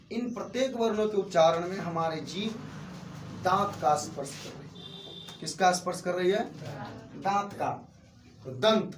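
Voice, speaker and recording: A man with a Bihari accent teaching a grammar lesson in a classroom, asking the class questions and answering them himself. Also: high voice. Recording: echoey room, far from mic, faint noise.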